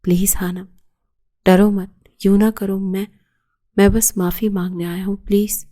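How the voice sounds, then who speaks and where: A woman voicing a remorseful young man who begs for forgiveness, in a low-key emotional reading. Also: flat delivery, dark tone, natural voice. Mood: pleading.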